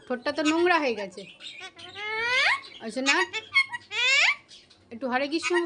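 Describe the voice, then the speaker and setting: A woman talking baby talk to her pet parrots, coaxing them and scolding them playfully. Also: high-pitched. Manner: closes with a quick word to viewers. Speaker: pet bird vlogger. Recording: loud background noise with bird squawks.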